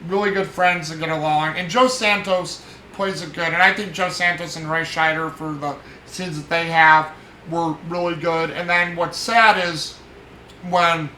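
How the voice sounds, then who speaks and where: Guy with a high bright voice rambling thru a movie recap, lots of ums and likes. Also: steady tone, measured pace. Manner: rambling, many fillers and restarts, acts out quotes. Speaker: movie podcast host. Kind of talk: casual movie review chat. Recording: echoey room with faint noise.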